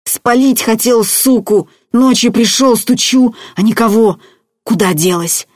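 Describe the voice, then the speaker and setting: A woman's voice: on the high side, unhurried, darkish tone, no echo, studio quality, pitched above the performer's own voice. Woman doing a whining unhinged young man. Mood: whining, agitated. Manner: whining, babbling, giggling. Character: unstable young village man, childish and menacing.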